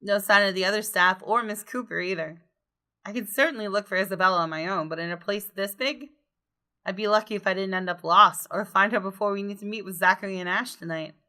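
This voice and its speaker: A gamer with a mid-range voice, speaking a little fast, gives a visual novel's text an expressive reading and adds casual asides of her own. Quiet game music hums faintly behind her.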